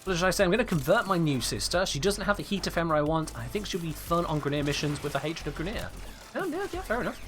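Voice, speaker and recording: A twenty-something English streamer talks fast while gaming, reading out viewers' comments with playful fake indignation in his English accent. His fairly high voice swings widely in pitch, and music plays in the background.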